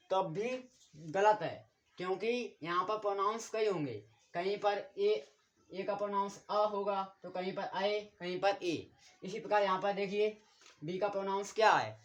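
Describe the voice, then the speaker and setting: A man from India teaching an online English class, steadily explaining letter sounds, spelling words out slowly and repeating each sound as a drill. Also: sits high. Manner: repeats and drills sounds, keeps pointing to the board.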